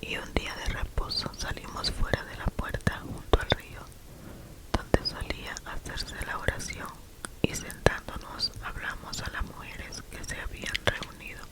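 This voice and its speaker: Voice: normal speed, poor audio. A person reading scripture as ASMR in a cupped-hand whisper, very close to the mic as if into the ear. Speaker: ASMR reader. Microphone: very close to the mouth.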